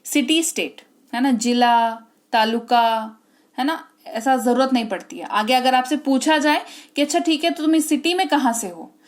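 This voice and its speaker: A woman with an Indian accent teaching a spoken English lesson, explaining in Hindi mixed with English and often checking in with her listeners. She slows right down whenever she models an English sentence. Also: high-pitched, expressive.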